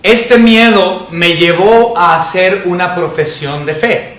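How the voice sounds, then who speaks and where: A man preaching a sermon as pastor, telling a personal story and acting out his childhood fear in a higher voice. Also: slow, a bit bright, reverberant. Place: church sanctuary.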